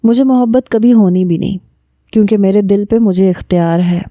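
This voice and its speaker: A woman reading the lines of a calm, level-headed young woman who speaks with composure. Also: mid-range voice, dry recording, lo-fi sound, natural voice. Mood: composed.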